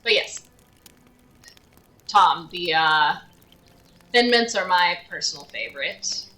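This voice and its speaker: Slow, bright-voiced woman streamer. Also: on the low side, lively intonation. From United States. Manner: chatty, thinking aloud, talking to chat. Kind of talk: casual live-stream commentary while gaming.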